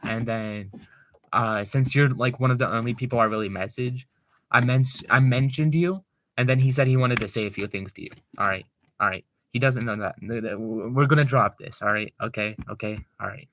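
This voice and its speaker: A young man from Maryland streaming live from a room at home, talking fast and rambling excitably in casual chat into a computer microphone. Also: medium pitch.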